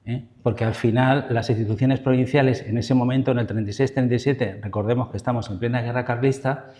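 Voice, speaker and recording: A professor with a Spanish accent from Spain gives a history lecture in a discursive, semi-improvised style, full of asides and checking tags. His medium-pitched voice is warm and steady, and he speaks at a quick pace.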